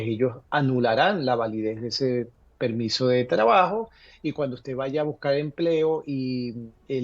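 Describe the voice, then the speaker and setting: Fielding viewer questions as a legal guest on a live call-in advice show, this man speaks haltingly, full of fillers and restarts. The mid-range voice is dry with no echo or room sound, and the audio is dull and lo-fi, as if over a remote link.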